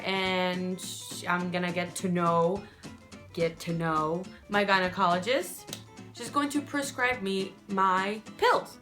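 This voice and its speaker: A young woman telling a storytime vlog in a casual, animated way, swearing freely. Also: mid-range voice. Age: young adult. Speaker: vlogger.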